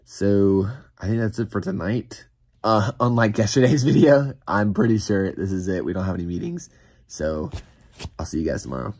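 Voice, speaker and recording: A man's voice: on the low side, animated, normal speed, darkish tone, no room sound. A young man talking casually to his phone camera while he works at a summer camp. He rambles with many fillers and sounds worn out by the end of the day. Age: young adult. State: tired. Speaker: vlogger, camp staff. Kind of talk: casual vlog talk to camera. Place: outdoors at a summer camp, and on a cabin floor. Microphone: phone held at arm's length.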